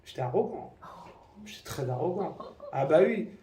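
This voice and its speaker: A man's voice: fairly high pitch, expressive, normal speed, warm tone. A man giving a personal testimony to a congregation, acting out the dialogue with many fillers. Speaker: church member giving a testimony. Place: congregation meeting room. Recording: echoey room, distant mic, faint noise.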